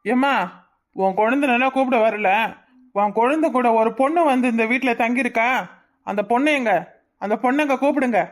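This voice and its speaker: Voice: medium pitch, fairly quick, close to an everyday voice. A voice actor playing a rich, threatening old man in a cartoon, blustering and menacing, with a Kanyakumari Tamil accent. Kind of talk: cartoon voice acting.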